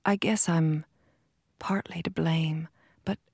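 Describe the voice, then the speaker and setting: A woman reading a story aloud and voicing a guarded young woman who speaks softly and holds herself back. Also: low-pitched, steady tone, takes it slowly, gravelly, husky, no room sound, studio quality, heavily acted. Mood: restrained. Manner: soft and restrained. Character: guarded young woman softening toward her lover.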